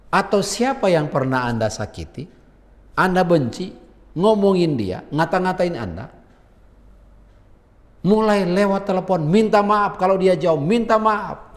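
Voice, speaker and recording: A pastor delivers his sermon slowly, in a voice pitched a little high for a man. He moves easily between solemn exhortation and chatty, colloquial remarks. His words ring out with the long echo of a large church hall. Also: very animated. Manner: conversational preaching with colloquial asides.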